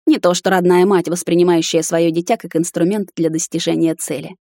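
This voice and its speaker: Woman reading an audiobook, low-pitched. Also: steady tone, brisk, warm tone, no echo, clean studio sound. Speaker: audiobook narrator. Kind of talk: first-person scripted narration.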